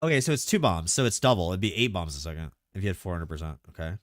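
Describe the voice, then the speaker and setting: Excitable streamer man, lively pitch. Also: racing, no echo, clean studio sound. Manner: excitable, rambling, heavy on "like" fillers. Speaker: game streamer. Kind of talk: casual live-stream chat about game mechanics.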